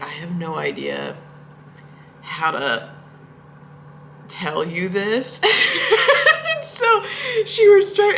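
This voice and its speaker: A woman's voice: mid-range voice, creaky, a bit bright. A woman vlogging from her home, telling rambling stories in a chatty way and laughing often. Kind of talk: casual storytelling vlog.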